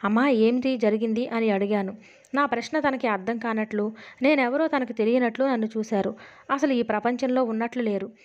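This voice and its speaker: A woman's voice: on the high side, fairly quick, lo-fi sound. A woman reading a detective novel aloud, steadily, in a storybook manner. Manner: steady storybook reading, dialogue read with little change of voice.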